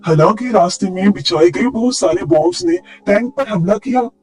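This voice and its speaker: High-voiced man narrating a film recap. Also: lively intonation, normal speed, a little mellow. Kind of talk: scripted movie recap narration.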